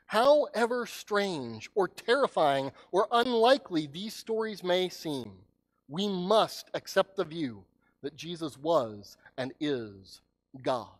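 A man preaching a sermon as pastor, telling a story dramatically and swinging from loud cries to hushed words. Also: a little high.

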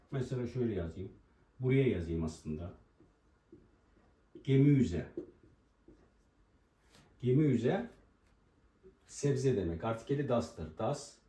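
Man, language teacher, dark mellow voice, repeats example words, room echo. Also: mid-range voice. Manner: repeats each example word slowly. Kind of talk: board lesson explaining pronunciation. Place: room with a writing board. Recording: roomy echo, voice from a distance.

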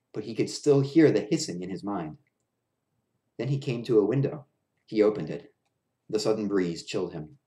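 In a bare little room at home, a man in his thirties reads a children's picture book aloud. His voice is warm and fairly low, and the space gives it a roomy echo.

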